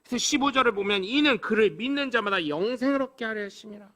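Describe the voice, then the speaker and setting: A man preaching a Sunday sermon as pastor, animated, acting out phone calls in a scolding voice. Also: high-pitched, fast talker.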